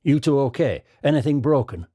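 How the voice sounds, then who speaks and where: A man voicing a calm, practical young man who leads his friends, with a British accent. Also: mid-range voice, fairly quick, no echo, studio quality, voice pushed up, lightly acted. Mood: concerned.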